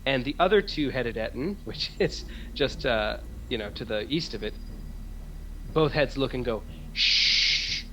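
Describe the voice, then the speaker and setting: A man acting as game master, improvising narration for a tabletop game in a halting, descriptive, amused way. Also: mid-range voice, animated, a bit bright, low-quality recording. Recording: faint background noise.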